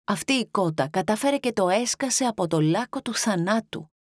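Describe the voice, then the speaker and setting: A woman narrating an audiobook excerpt of a children's animal tale, expressive and giving the animals their own voices. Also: medium pitch, no room sound, clean studio sound. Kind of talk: storybook reading.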